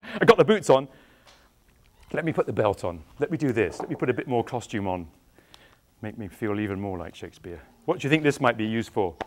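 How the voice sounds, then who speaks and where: With a medium-pitched voice and a fairly quick pace, this middle-aged Englishman, an actor, engages children in an interactive show. He asks them lots of questions, lively and playful, his voice captured on a clip-on mic.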